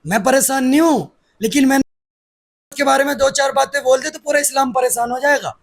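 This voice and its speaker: Very high-voiced, combative man. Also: steady tone, brisk. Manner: aggressive, defiant, threatening. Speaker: interviewee, activist. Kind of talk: heated political interview.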